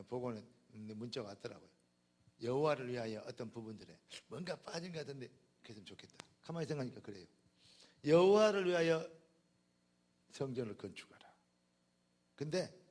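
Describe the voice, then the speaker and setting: A man preaching a sermon as pastor, in a Jeolla dialect, swinging between loud emphatic declarations and quiet conversational asides. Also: medium pitch, husky.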